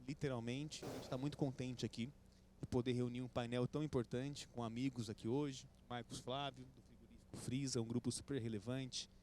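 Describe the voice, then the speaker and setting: A man's voice: medium pitch, a little mellow, a little hiss or hum. A man moderating a panel on stage, upbeat as he introduces the guests and thanks them by name. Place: event stage with audience.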